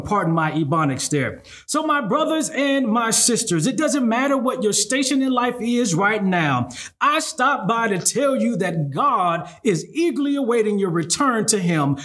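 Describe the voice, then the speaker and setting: A man's voice: high voice, a bit bright. A middle-aged man preaching a sermon as a pastor, using rhetorical questions and repeated refrains. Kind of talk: sermon preached to an online congregation.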